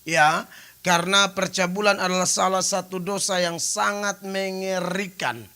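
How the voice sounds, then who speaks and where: A man preaches a lively sermon, joking and slipping into English phrases. His voice sits high and sounds bright, with a sharp edge. He often rises to shout his punchlines. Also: measured pace, smooth. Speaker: pastor. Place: church stage.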